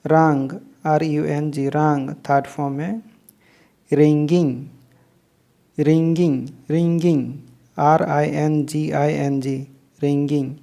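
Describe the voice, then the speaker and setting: A woman's voice: low voice, level tone, takes it slowly, vocal fry, warm tone. A woman teaching English verb forms, spelling out each word letter by letter and repeating it. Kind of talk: slow spelling-out lesson.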